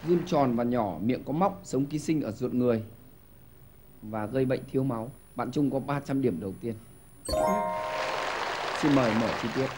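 A man hosting a TV quiz show in a studio, giving lively hints and often stumbling over repeated words. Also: mid-range voice, normal speed, pauses often, background noise. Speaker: game show host.

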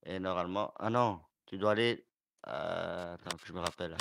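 A man playing a farming game with friends, calmly explaining the steps. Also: low voice, moderate pace, gravelly, background noise. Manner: calm, explains steps patiently. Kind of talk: casual gaming chat.

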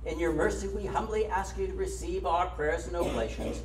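A man in his sixties, a priest, reading set prayers at the altar in a measured, solemn way, recorded in a small chapel by a distant camera. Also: sits high, noisy background. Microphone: far camera. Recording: echoey room from far off.

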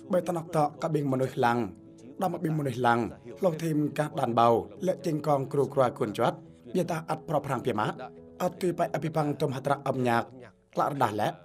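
A man giving scripted narration for a television feature, reading in a steady, even way. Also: medium pitch. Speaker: news narrator.

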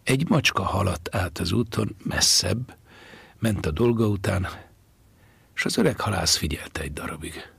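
A man narrating a literary audiobook slowly, in a breathy, half-whispered manner, close to the mic. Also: low-pitched, expressive, fairly bright tone, no room sound.

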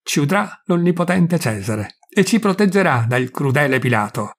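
A proud, unbending high priest, as a man reading the story aloud gives him voice. He speaks with calm defiance in a husky tone, never yielding an inch. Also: moderate pace. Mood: defiant.

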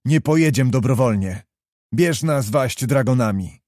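An older country nobleman in an audiobook, grumbling and stubbornly blustering, as a male reader voices him. The sound is mellow and dark, dry and close to the mic. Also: mid-range voice, expressive, moderate pace, no room sound, close to an everyday voice.

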